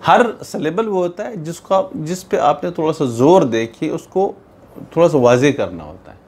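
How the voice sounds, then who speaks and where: A man teaching an English lesson, reading English slowly and explaining in Urdu-Hindi to his pupils. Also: fairly high pitch, animated, a little mellow, slightly rough. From Pakistan. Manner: addresses pupils as "beta", repeats "theek hai". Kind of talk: bilingual classroom lesson.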